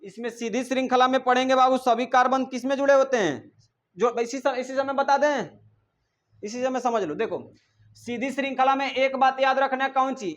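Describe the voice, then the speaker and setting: High-voiced guy teaching chemistry, keeps asking the class questions and scolds them. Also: a bit bright. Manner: drills students with repeated questions, scolds them.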